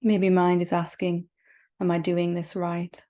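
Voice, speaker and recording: A woman in the role of spiritual teacher gently reassures her listeners through a guided meditation. Her voice sits on the low side and stays monotone, broken by long, unhurried pauses.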